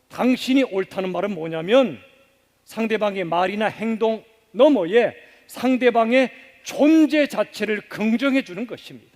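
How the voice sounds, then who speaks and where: A man with a high-pitched voice delivers a sermon from the pulpit, his words ringing with the long reverb of a church sanctuary. He questions the congregation and has them repeat after him, punching some words and letting others fall to a near hush. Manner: emphatic, swings from loud stresses to soft, hushed endings. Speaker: pastor.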